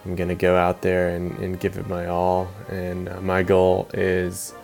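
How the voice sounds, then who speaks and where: Brief: male podcast host, very low flat voice, hesitant and filler-heavy. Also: a little slow, creaky, faint music behind. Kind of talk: casual podcast talk.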